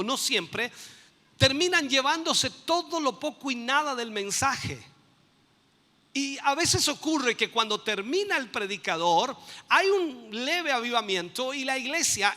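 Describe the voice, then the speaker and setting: Bright-voiced preaching man in a hall. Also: very high voice. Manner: emphatic, rising to loud bursts. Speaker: bishop and pastor. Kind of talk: teaching sermon.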